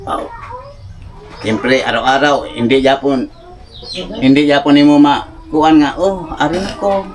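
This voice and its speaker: A middle-aged woman with a Visayan accent, a Cebuano speaker, chatting animatedly as an interviewed mother. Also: deep voice. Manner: animated, quick to laugh and exclaim. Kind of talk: casual chat.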